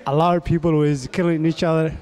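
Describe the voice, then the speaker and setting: A man who grew up in Somalia, speaking loudly and emphatically in short, simple phrases. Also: a little high, little pitch movement, fast talker, smooth. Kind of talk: personal interview answers.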